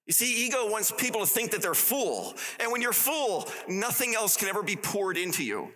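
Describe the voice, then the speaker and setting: A man's voice: high-pitched, very animated, normal speed, pushed and bright. A man in his forties giving a live motivational commencement speech to an audience, gushing and exclamatory, laughing often as he talks. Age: 40s. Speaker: commencement keynote speaker. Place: university commencement ceremony, before a live audience.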